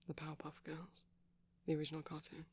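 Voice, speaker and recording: Playing a timid, tender vampire for an ASMR boyfriend roleplay, this man speaks softly and rambles in halting bursts, breathy and often slipping into a whisper. His fairly high voice stays completely flat, with slight background noise behind it.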